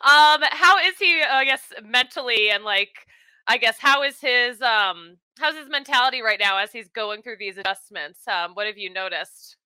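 A woman hosts a sports interview, upbeat and chatty as she asks her questions. Her voice sits a bit high, very bright and smooth. The sound is dry and close. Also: normal speed, no room sound.

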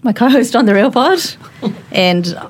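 A woman's voice: on the high side, lively intonation, measured pace, breathy edge. Informal New Zealand woman hosting a podcast. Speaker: podcast host and manager. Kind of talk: casual studio panel hosting.

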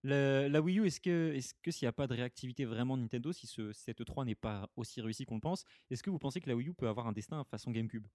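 Male host, quick and loose, swears freely, dry close sound. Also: mid-range voice, dry recording. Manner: animated, swearing, moderating. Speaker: debate host. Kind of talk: casual gaming podcast chat.

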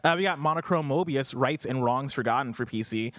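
A man's voice: mid-range voice, brisk, a bit bright, no room sound, clean studio sound. A man hosting a show, moving between casual chat and reading news with an enthusiastic manner. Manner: enthusiastic, sweary. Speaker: show host.

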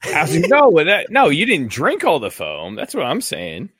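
A man's voice: on the high side, wildly swooping pitch, moderate pace, a bit bright, breathy edge, dry recording, clean studio sound. A man joining a casual podcast chat, wisecracking and swearing. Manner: wisecracking, profane.

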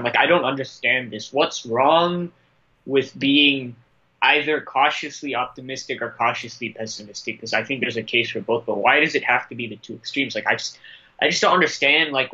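A man's voice: mid-range voice, sharp tone. A man giving opinionated football analysis on a podcast in a conversational, emphatic way, on a slightly lo-fi line. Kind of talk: casual sports discussion.

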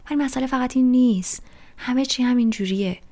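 A woman voicing a restless teenage boy who rants loudly about everything in an audiobook reading. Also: sits high, voice pushed up, natural voice. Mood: exasperated. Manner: loud, rushed, ranting complaints.

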